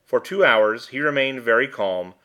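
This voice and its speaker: A man narrating a short story in a measured, even reading voice. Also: medium pitch. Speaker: audiobook reader. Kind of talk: scripted narration.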